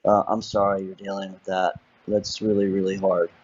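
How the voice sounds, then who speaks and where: A man on a prison phone call speaks calmly and reassuringly. His voice is very low and the line is muffled, with clear background noise. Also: moderate pace. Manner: calm, sympathetic and reassuring. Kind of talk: casual phone conversation.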